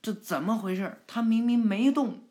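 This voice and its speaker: A woman's voice: lowish voice, expressive, slow, breathy edge, exaggerated voice. A woman voicing an earnest, easily flustered boy ninja student in a spoken retelling of a cartoon. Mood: startled.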